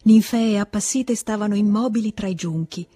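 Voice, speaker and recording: Breathy woman reading a classic novel. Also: mid-range voice, no echo. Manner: measured, calm reading. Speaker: audiobook reader. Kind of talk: literary audiobook narration.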